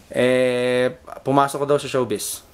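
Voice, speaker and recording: A man's voice: mid-range voice, a little fast. A man with a Filipino accent hosting a casual, bantering chat in a teasing, blunt manner, switching between languages.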